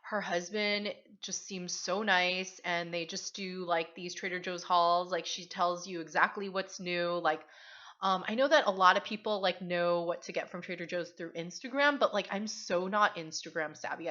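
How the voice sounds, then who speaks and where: A woman's voice: on the low side, normal speed, sharp tone, dull audio. A woman vlogger chatting casually to camera, rambling and full of fillers.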